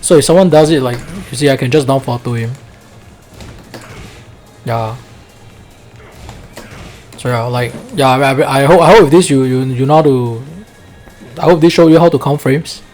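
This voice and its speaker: A man's voice: medium pitch, normal speed, long pauses, a little mellow, soft background music. A man with a Singlish accent, coaching a fighting game in a casual, colloquial way and often checking with "right?".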